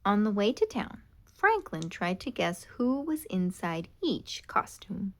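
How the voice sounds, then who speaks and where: A woman reading a children's picture book aloud in an expressive, animated way. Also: mid-range voice, takes it slowly. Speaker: storybook reader. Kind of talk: children's read-aloud narration.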